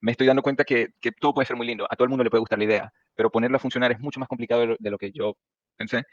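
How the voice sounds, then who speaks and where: Fast-talking Venezuelan man, dry and dull. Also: mid-range voice, fairly even intonation. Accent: Venezuelan Spanish. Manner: hesitant, many fillers and tag questions. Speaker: startup founder. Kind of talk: casual explanation to a mentor.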